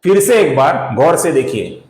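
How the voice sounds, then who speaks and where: Male teacher, Marathi accent, unhurried, repeats syllables, slightly high voice, echoey room. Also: very animated, darkish tone. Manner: slow, deliberate, repeats syllables and addresses viewers as friends. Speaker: Sanskrit pronunciation teacher. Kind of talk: recitation lesson.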